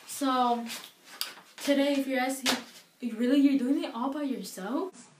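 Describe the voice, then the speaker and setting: A young woman with a high, unhurried voice hosts a vlog, chatting casually to a camera a short distance away in a small indoor room. The sound is echoey with a noisy background.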